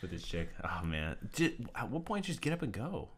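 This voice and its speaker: Guy podcast host, frat bro talk, swears a lot, bouncy delivery, kinda low voice. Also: wildly swooping pitch, moderate pace. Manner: frat-bro talk, slangy and profane, teasing. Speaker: podcast host asking the questions. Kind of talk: casual joking podcast chat.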